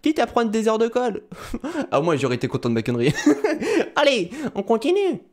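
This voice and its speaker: A man hosting a casual gaming video, excitable and slangy, laughing often. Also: very high voice, a little fast. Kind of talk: casual reaction commentary.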